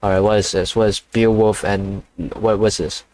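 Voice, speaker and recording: Man reading aloud, halting and crude. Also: lowish voice, level tone, darkish tone. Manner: halting reading, stumbling over words, crude offhand swearing. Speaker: channel host reading a novel aloud. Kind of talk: casual read-along with commentary.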